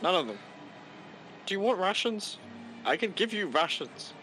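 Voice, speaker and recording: A man playing a tabletop game, chatting casually in and out of character with an animated, exclamatory manner. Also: high voice, moderate pace, a little hiss or hum, poor audio.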